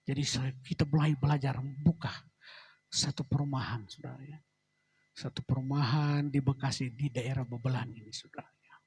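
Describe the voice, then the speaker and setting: A middle-aged man, a pastor, giving a personal testimony in church and ending phrases with a soft, trailing address to the congregation. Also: medium pitch, steady tone, moderate pace, breathy edge. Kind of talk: sermon testimony.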